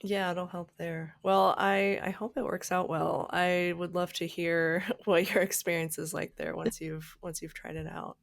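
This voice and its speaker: A woman's voice: fairly low pitch, level tone, unhurried, vocal fry, few pauses, dry recording, clean studio sound. A woman hosting a climbing podcast, reading her intro, then chatting in an encouraging, upbeat way. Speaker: podcast host. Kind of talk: scripted intro, then casual interview.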